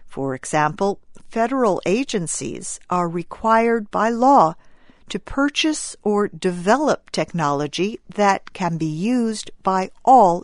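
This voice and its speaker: Slow, clear female news narrator. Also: mid-range voice, no echo, studio quality. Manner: clear, deliberate reading. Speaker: program narrator.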